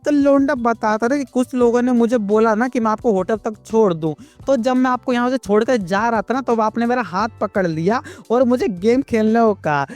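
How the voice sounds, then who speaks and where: A man with a high-pitched voice recaps a comic story in loose, crude street slang. He keeps nudging the listener with buddy asides, while faint music plays beneath. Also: moderate pace, few pauses. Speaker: manga recap narrator.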